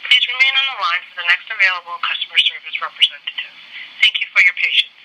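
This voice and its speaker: A woman speaking as a recorded phone message, reading scripted menu prompts in a polite, even, measured way. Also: lowish voice, rough recording. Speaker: automated bank phone system voice.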